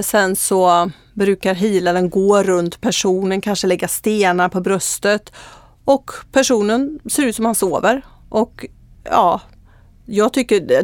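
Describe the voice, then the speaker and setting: A woman's voice: medium pitch, darkish tone, no room sound. Woman, earnest testimony, casual chat, frequent fillers, close dry recording.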